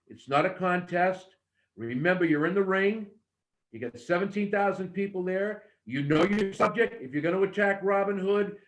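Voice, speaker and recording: Male wrestling promo coach, high-pitched, emphatic, short repeated instructions, demonstrating lines. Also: slight background noise, low-quality recording.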